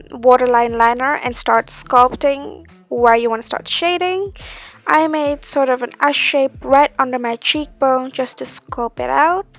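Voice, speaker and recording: A woman's voice: high voice, creaky. A woman giving a casual, chatty makeup tutorial, explaining step by step. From Sri Lanka.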